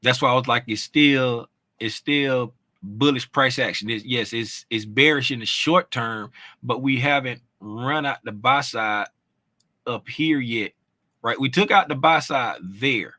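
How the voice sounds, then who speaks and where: A trading educator walks through charts in a casual, conversational way, often checking in with "right?" and "you know what I'm saying?" His mid-range voice is sharp in tone and measured in pace, his phrasing loose and full of restarts, and there's no echo.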